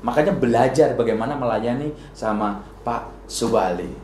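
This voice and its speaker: A man hosting a casual Islamic talk show, lively and telling stories with acted-out voices. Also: medium pitch, normal speed, reverberant, a little hiss or hum. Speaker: host and Islamic preacher.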